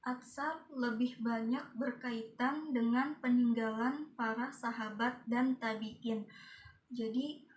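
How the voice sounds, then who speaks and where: A young woman university student giving a recorded class presentation in a slow, careful, recited manner. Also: fairly high pitch, reverberant, a little hiss or hum, poor audio. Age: young adult.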